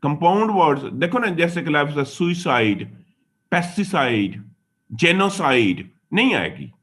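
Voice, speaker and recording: A man's voice: fairly high pitch, very animated, a little slow, fairly bright tone. A man teaching English grammar in a classroom lecture, explaining patiently and repeating his points as he addresses his students. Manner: mixes Hindi and English mid-sentence.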